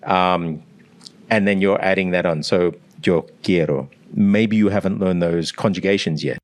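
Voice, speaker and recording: A man's voice: deep voice, measured pace, dry recording. An Australian man working as a language coach, breaking down pronunciation and modelling individual sounds as he explains. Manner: demonstrates sounds, analytical.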